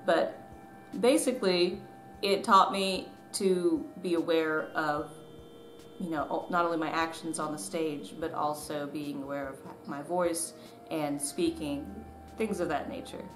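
In a low voice with fairly even intonation and a measured pace, an author and vlogger in her thirties talks to camera about something from her own life, casual and self-deprecating. She hails from the southern US, Tennessee and Georgia. Faint music plays behind her, and her small home living room adds echo and background noise.

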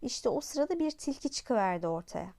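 A woman narrating an audiobook in a calm, even storytelling manner. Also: a little high, moderate pace, gravelly, no room sound.

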